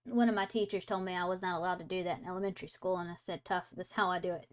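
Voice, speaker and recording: A woman's voice: on the low side, fairly even intonation, rapid-fire. A young woman hosting a casual livestream, chatting with viewers and reading trivia aloud before riffing on it. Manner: chatty, reads trivia aloud then riffs on it, sounds words out. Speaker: livestream host.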